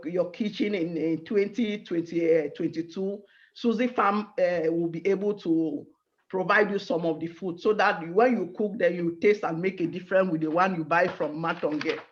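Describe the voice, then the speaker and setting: A woman guest speaker giving an earnest online talk, slow and with fillers. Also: lowish voice, steady tone. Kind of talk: online presentation. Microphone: video call. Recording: dull, muffled video-call audio.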